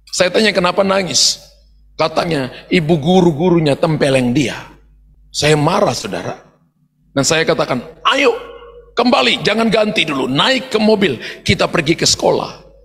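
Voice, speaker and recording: A middle-aged Indonesian man preaching with fervor, his high voice breathy and husky while gravel catches at its edges. He builds to shouts as the long reverb of a big church hall carries each word away. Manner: impassioned preaching, rising to shouts. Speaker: pastor. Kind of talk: sermon.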